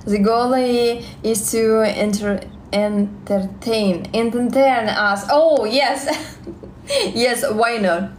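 A young woman in her twenties from Russia, with a Russian accent, chatting on a live stream in halting, simple English full of fillers and repeated words, on a phone held close in a small room. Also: on the high side, echoey room, a little hiss or hum. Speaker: livestream vlogger. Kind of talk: live stream chat, reading comments.

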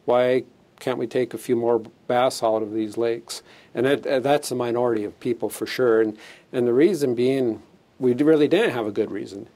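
A man's voice: mid-range voice, normal speed, warm tone. A middle-aged man, a fisheries chief explaining new rules in a plain, matter-of-fact way, with fillers and restarts, on a lapel mic in a studio. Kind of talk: studio interview, explaining regulations. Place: studio set, indoors.

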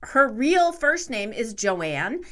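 A woman in casual conversation as a podcast co-host. Her pitch swings widely as she chats, and she laughs easily between points. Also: very animated, slow pace, a bit bright. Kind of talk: casual chat.

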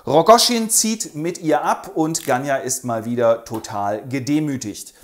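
A man's voice: medium pitch, measured pace. A man retelling a classic novel in a casual, chatty, informal way, talking straight to his viewers.

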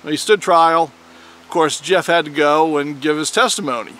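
A man hosting a firearms video, telling an old frontier tale in a folksy, animated way. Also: on the high side, moderate pace. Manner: animated storyteller, with dramatic shouted quotes. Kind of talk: folksy historical storytelling.

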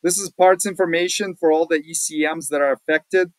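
A man's voice: fairly high pitch, fairly quick, dry recording, rough recording. Casual man explaining a repair bulletin. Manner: relaxed, plain-spoken, many fillers. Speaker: automotive channel host. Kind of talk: casual screen-share walkthrough.

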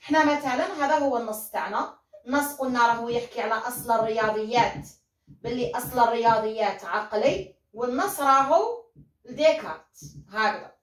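Fast, high-voiced Algerian woman teaching. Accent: Algerian Arabic. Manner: repeats steps, asks and answers own questions. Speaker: philosophy teacher. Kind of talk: classroom lesson explanation. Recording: echoey room, voice from a distance.

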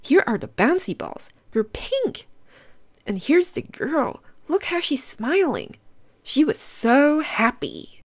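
Her voice is high and very animated but slow as she reads picture books to young children. She keeps her language simple and instructive and puts questions to her listeners.

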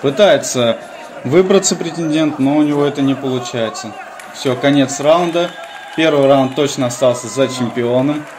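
A man's voice: mid-range voice, moderate pace, crowd noise, noisy background. A man giving live sports commentary on a fight as the second commentator.

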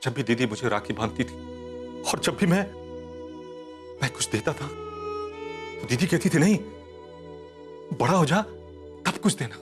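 Casting: scheming middle-aged uncle, stammering and theatrical, lively swooping delivery, music bed. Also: male voice, mid-range voice, a little slow, pauses often. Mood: self-pitying. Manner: stammering, theatrical self-pity. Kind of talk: TV comedy drama acting. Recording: background music under dialogue.

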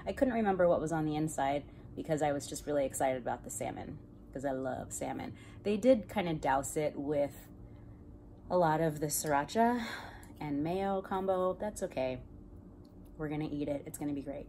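A woman hosting a mukbang video, chatting playfully and joking between bites, sometimes dropping into soft whispery asides. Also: low-pitched, normal speed, slight background noise. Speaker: host. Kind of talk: casual mukbang chat while eating.

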